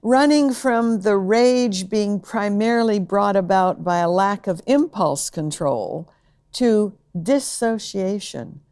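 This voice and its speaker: A woman specialist giving a measured, scripted explanation. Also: mid-range voice, animated, darkish tone. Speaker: brain function specialist and co-host.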